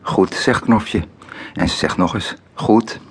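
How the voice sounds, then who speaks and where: A small, headstrong girl of four speaks from a children's storybook, acted by a male narrator. Her voice sits far above his own and sounds a little husky. She speaks in short, insistent bursts. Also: lowish voice, slow, voice pushed up. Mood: pleased. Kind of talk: storybook character voice.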